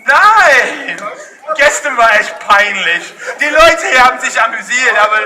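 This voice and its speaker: With an extremely high pitch and a normal speaking speed, this man works the crowd as a street performer at a town-square festival, cracking loud jokes in broken German mixed with English and shouting often. It's live show banter, captured without a mic by a distant outdoor camera that also picks up the crowd and noise.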